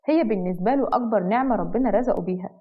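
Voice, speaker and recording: Fast-talking Egyptian woman storyteller. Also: mid-range voice. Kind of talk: scripted story narration. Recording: dull lo-fi.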